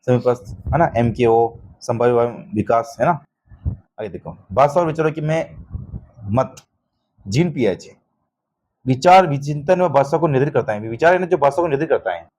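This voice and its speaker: A man's voice: medium pitch, expressive, moderate pace, a little mellow. A man teaching an exam-prep lesson, constantly checking understanding with short questions and calling students "beta". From Rajasthan.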